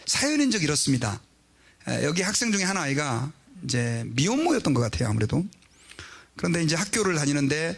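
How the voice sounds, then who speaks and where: Gravelly male pastor preaching conversationally. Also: on the high side. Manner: conversational preaching, addressing the congregation often. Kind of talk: sermon.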